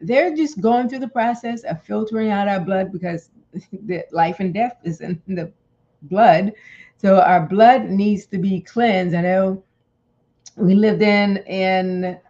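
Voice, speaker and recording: A woman's voice: mid-range voice, takes it slowly, mellow. Chatty rambling woman on a lo-fi stream. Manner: chatty, rambling, restarts often, laughs easily. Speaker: health channel host. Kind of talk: casual live-stream health talk.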